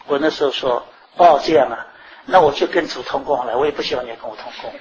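A man preaching a sermon, telling stories from his own life and swinging between loud, high bursts and quiet asides. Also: fast talker, a little hiss or hum, low-quality recording. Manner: animated, rising and falling sharply in pitch and volume.

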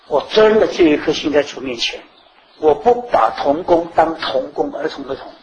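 A man preaching a sermon, telling stories from his own life and swinging between loud, high bursts and quiet asides. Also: normal speed, lo-fi sound. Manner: animated, rising and falling sharply in pitch and volume.

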